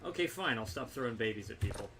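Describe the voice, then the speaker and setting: A man's voice: mid-range voice, animated, quick pace, bright, forceful tone. A man giving casual, wry gameplay commentary and chatting with viewers, swearing freely. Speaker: game livestreamer. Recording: noisy, distant mic with game sound. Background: video game sound.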